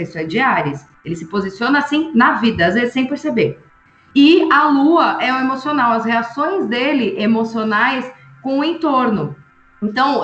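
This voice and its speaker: A woman's voice: on the high side, fairly bright tone, roomy sound, muffled recording. A woman in casual chat, animatedly explaining astrology with examples and frequent tag questions. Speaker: astrologer guest.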